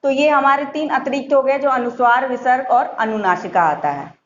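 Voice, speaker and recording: A woman teacher explaining a grammar lesson to young schoolchildren, patient, repeating points and sounding out examples slowly. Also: high voice. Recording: muffled echoey room with faint hiss.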